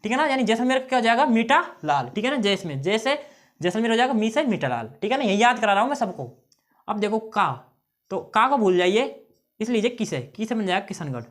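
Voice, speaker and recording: A man's voice: sits high, sing-song, brisk, fairly bright tone. A male teacher giving an exam-prep lesson on memory tricks, often checking in with his students and repeating key phrases.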